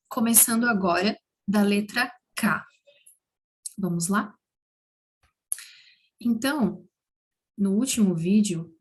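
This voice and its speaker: Slow, careful woman teaching Spanish sounds. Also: mid-range voice, darkish tone. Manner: slow and deliberate, pronounces example words clearly. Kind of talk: slow, careful online lesson.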